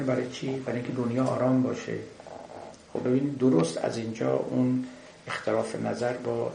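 Gravelly-voiced man lecturing in an echoey room. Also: medium pitch, darkish tone. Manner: measured, explanatory, with frequent hesitations. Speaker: lecturer on the Masnavi. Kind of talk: lecture commentary. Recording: echoey room with faint noise.

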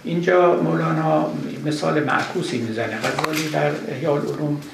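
A man's voice: on the high side, creaky. A man giving a live lecture on classical poetry to an audience, explaining carefully and reciting verses. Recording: echoey room with background noise.

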